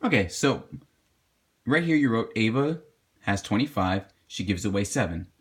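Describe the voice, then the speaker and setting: Brief: low, husky male teacher, lively intonation, patient and encouraging. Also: moderate pace. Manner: patient, encouraging, talks to the viewer. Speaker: math teacher. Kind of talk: homework help video lesson.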